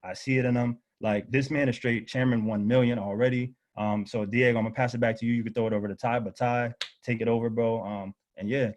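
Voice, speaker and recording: A man speaking as a guest on a livestream, giving quick, heartfelt praise and repeating words as he goes. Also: mid-range voice, steady tone, darkish tone.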